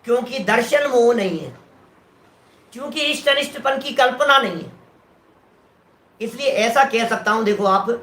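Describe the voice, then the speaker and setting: A man lecturing on scripture with a bright, forceful voice. He explains step by step and keeps asking whether the point has landed. The recording has a roomy echo. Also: very high voice. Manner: explanatory, often checks that listeners follow. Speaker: scripture teacher.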